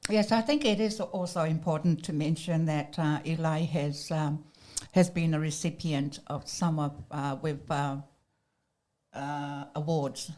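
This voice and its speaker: Low mellow woman hosting an interview. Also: fairly even intonation, measured pace. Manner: polite, gently prompting. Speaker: host. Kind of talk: interview questions.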